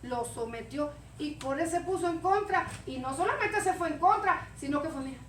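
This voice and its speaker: A woman preacher giving a lively sermon, acting out scenes and stammers for the congregation. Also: sits high, normal speed. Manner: animated, acts out stammering and scenes. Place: church. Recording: echoey church room, mic far off, faint noise.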